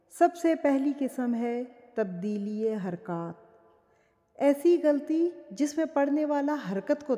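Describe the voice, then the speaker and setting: A woman teaching the rules of Quran recitation, explaining slowly and carefully and drawing out each example word. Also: on the high side, mellow, long reverb tail. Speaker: tajweed teacher.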